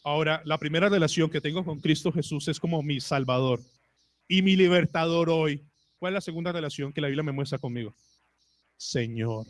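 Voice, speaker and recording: Colombian pastor guy preaching, kinda high voice, dry close sound, keeps asking the church questions. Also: brisk, no room sound. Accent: Colombian Spanish. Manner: preaching with rhetorical questions to the congregation. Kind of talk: sermon.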